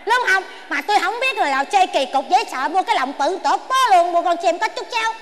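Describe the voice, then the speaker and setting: A woman with a Southern Vietnamese accent playing a stubborn, sharp-tongued old wife who bickers with rapid comebacks in a comedy sketch. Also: very high voice, lively intonation. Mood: bickering. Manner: quarrelsome, exclaiming, rapid comebacks. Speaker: comic actress. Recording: noisy background ambience.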